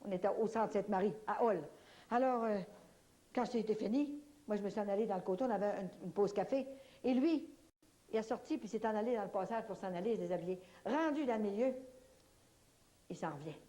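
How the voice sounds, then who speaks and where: A woman with a Québécois French accent giving a spoken religious testimony to an audience, telling her story in an animated, folksy way full of little fillers. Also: medium pitch, a little fast.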